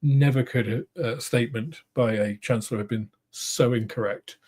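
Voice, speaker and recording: A middle-aged man with a British accent, hosting a casual livestream, answering viewers in a rambling, thoughtful way with many pauses and restarts. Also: medium pitch, darkish tone, slightly rough. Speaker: host of a model-making livestream. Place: home studio room.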